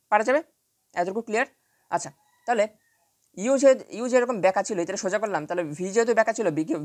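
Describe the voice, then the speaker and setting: A woman's voice: mid-range voice, darkish tone. A woman teaching a physics lesson in a casual way, repeating each step and checking often that students follow. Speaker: physics tutor. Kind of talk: online lecture working through a problem.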